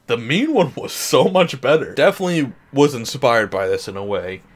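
A man's voice: medium pitch, expressive, moderate pace. A man in his thirties reacting to and reviewing a film casually, tipsy, sarcastic and prone to swearing. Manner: tipsy, as if drinking while talking. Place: small home room, desk setup.

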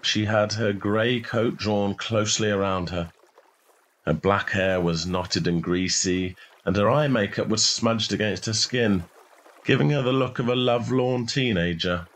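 Reading literary fiction as a storyteller, this man has a deep, low-pitched voice. He keeps to a script at a measured pace, shaping each phrase expressively, in the role of a short story narrator.

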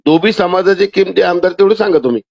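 High-voiced man on a muffled phone line. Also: fast talker, vocal fry, a little mellow. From Maharashtra, India. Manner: insistent, talks over the other man. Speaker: caller. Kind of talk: argumentative phone conversation. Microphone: telephone line. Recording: muffled phone call audio.

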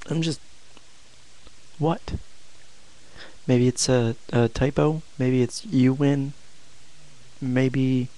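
A young adult man chatting casually to a vlog audience in a flat, low-energy, hesitant way with long pauses. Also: creaky, rough recording. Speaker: video blogger.

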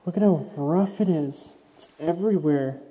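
A man's voice: fairly high pitch, normal speed, dark tone. Man echoing through empty rooms. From Canada. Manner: chatty, addresses viewers as guys. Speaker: urban explorer host. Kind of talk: casual walkthrough commentary. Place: empty mansion basement.

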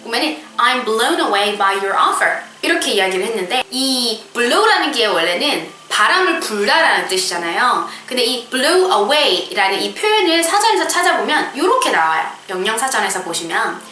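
A woman's voice: a little high, very animated, a little slow, hardly any pauses, bright, forceful tone, slight background noise. A woman in her thirties hosting a casual lesson, chatty and demonstrating pronunciation by repeating words. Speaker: English teacher host. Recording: roomy echo with background music.

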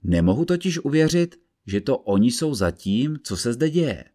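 A man voicing a calm, methodical investigator who explains his reasoning step by step in an audiobook reading. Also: mid-range voice, voice pushed up, natural voice. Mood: measured.

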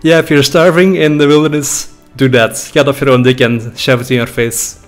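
This YouTuber, a young Dutch-speaking Belgian man, reviews his own past videos in a loose, profane, joking way, laughing often. His voice sits in the mid-range, with a steady tone at a moderate pace. He talks into a desk boom mic with headphones in a small room, with faint music in the background.

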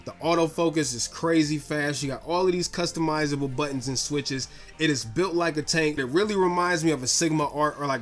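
Enthusiastic man reviewing gear, slightly hoarse. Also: fairly high pitch, fairly bright tone. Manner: enthusiastic, slangy and direct. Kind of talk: casual product review.

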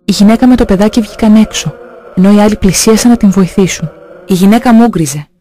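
A man slowly and solemnly reading out religious testimonies. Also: sits high, mellow, soft background music.

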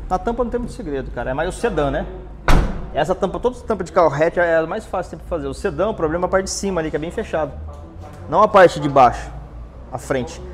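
A man's voice: on the high side, animated, fast, over music. A Brazilian man in his forties with a lapel mic, teaching a hands-on dent repair class in a large workshop, explaining and pointing at a car. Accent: Brazilian Portuguese. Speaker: paintless dent repair instructor.

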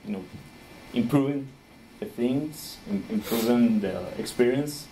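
A man in his thirties from Rica, speaking English, giving a friendly conference talk with frequent small laughs and pauses while he searches for words. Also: medium pitch, mellow, slight background noise, rough recording. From Costa Rica.

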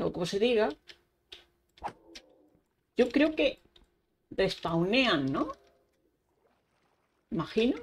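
A young woman with a medium-pitched voice, a gaming YouTuber, narrates her Minecraft gameplay chattily, talking to herself and letting out frequent exclamations. Faint keyboard clicks and typing and slight background noise can be heard.

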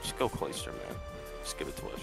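A man's voice: fairly quick, music in the background. A man chatting casually while playing a game together, his microphone cutting out so his volume keeps dipping and jumping. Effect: mic cutting out, uneven volume. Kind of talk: casual gaming chat.

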